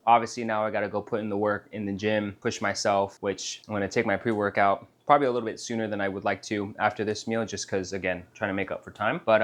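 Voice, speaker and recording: A man, a fitness coach talking casually to camera in a relaxed, chatty vlog, sometimes speaking with his mouth full. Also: lowish voice.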